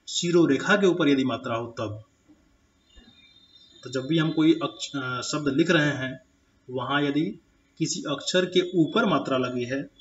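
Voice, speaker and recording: A male teacher giving a slide-based grammar lesson to children, speaking slowly and deliberately and drawing out each example word. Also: mid-range voice, muffled recording. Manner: slow, deliberate, draws out example words.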